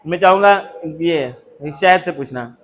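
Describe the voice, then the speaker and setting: High-voiced man drilling a class. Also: measured pace. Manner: constant rhetorical questions, call-and-response drilling; jokey, teases and calls on students. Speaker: coaching class teacher. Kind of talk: classroom lecture. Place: classroom with students.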